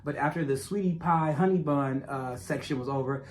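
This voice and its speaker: At a moderate pace and medium pitch, a man who stutters and has a speech impediment speaks directly to viewers as narrator of his self-made documentary. The monologue is casual and emphatic, and he repeats himself often.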